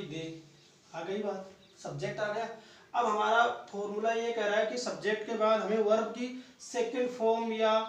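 A man's voice: sits high, far from the mic. A man teaching a grammar lesson, asking questions and then answering them himself. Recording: echoey room, voice from off-mic.

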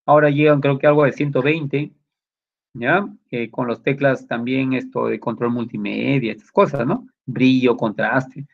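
With a gravelly, mid-range voice, steady tone and moderate pace, a man walks his computer class through things step by step. He checks in often with tag questions, and the recording of this classroom lesson sounds dull and lo-fi.

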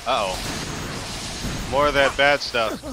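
Male gamer, slow unhurried talk, sarcastic, groaning, game music loud behind. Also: mid-range voice. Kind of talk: let's play commentary.

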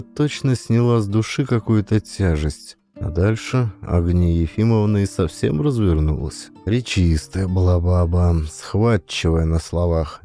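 Faint music plays beneath an expressive male audiobook narrator reading classic fiction. His deep voice has a soft darkness, and his phrasing is dramatic.

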